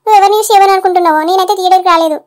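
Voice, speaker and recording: A haughty squeaky cartoon girl. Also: steady tone, very fast, darkish tone. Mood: defiant. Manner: curt and scolding, high cartoon voice. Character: defiant young sister-in-law, haughty.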